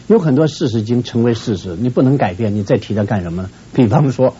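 A man's voice: expressive, fast talker, warm tone, breathy edge, muffled recording. Earnest man giving marriage advice. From Shenyang, northeast China. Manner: earnest and admonishing, leaps up in pitch for emphasis. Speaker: family counselor. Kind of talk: advice talk to a viewing audience.

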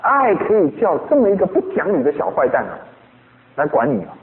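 Animated preaching man, tinny radio sound. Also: high voice, brisk, creaky, big-room sound. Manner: animated preaching full of rhetorical questions. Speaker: pastor. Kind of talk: sermon.

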